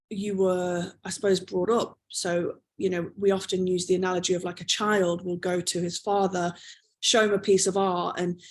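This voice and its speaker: A woman guest on an interview, calmly walking the listener through how the body holds and releases tension. Her pitch sits in an ordinary middle range. She explains patiently and keeps checking that you follow. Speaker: trauma release exercise practitioner, interview guest.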